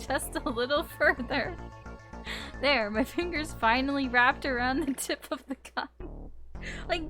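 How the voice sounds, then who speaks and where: Woman streamer, a touch high, casual, giggly let's-play chat over game music. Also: a bit bright. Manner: chatty, often laughing, retells scenes in silly mock voices.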